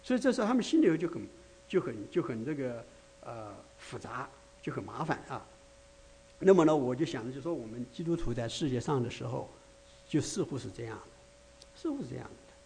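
A man's voice: mid-range voice, sing-song, a little fast, vocal fry, darkish tone, a little hiss or hum. A man preaching a conversational sermon, full of rhetorical asides, restarts and filler sounds.

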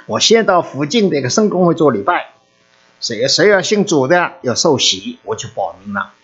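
An older man from China, telling his personal faith story to a church congregation in an animated storytelling way. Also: normal speed, breathy edge. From China, Shanghai and Zhoushan. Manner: animated storytelling, lively swings in pitch and loudness. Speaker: church member giving testimony. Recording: muffled lo-fi recording.

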